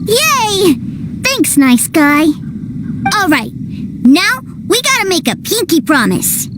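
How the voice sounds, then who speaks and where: A woman's voice: very high voice, sing-song, slow, noisy background, full character voice. A woman voicing an earnest little boy in a video game, naive, emphatic and fiercely loyal. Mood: cheerful. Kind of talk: video game character acting.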